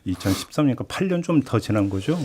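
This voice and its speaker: A man's voice: medium pitch, big pitch swings, quick pace, darkish tone, husky. A man hosting a radio interview at a studio microphone, playful and teasing with his guest in a radio studio. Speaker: radio host.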